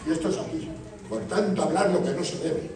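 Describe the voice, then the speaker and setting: A man's voice: sits high, brisk, darkish tone. A man preaching a sermon as pastor, telling stories and acting out dialogue with churchgoers. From Spain. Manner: storytelling, acts out dialogue with church members. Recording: echoey church hall from far off.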